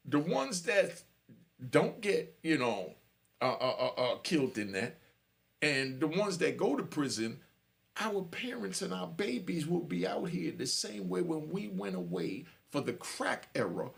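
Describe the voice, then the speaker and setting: A prison storyteller in his fifties looks into the camera and preaches warnings to young viewers. He speaks at a measured pace in a slightly high voice with big pitch swings and vocal fry.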